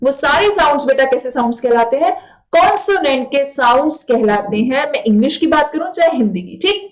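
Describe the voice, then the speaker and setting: High-voiced woman teaching English. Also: expressive, fairly quick, poor audio. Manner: repeats key points and quizzes with "clear?". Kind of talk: classroom lesson for exam aspirants.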